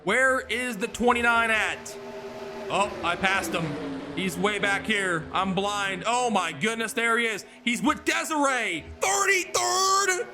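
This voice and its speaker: A man calling a sim racing event as play-by-play commentator, excitable and exclaiming, sometimes breathless. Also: high-pitched, unhurried, music in the background. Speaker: race commentator.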